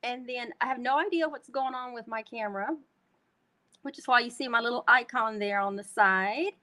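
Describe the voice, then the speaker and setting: Southern woman, Texan twang, slightly high voice, casual craft-stream host. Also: moderate pace, pushed and bright. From North Texas, USA. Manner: chatty, folksy, talks to viewers as y'all. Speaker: host demonstrating card making.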